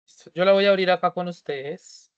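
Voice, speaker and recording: A man's voice: high-pitched, a little fast, clean tone, muffled recording. A male teacher from Colombia walking students through a form in an online class, repeating each step and checking that everyone is ready.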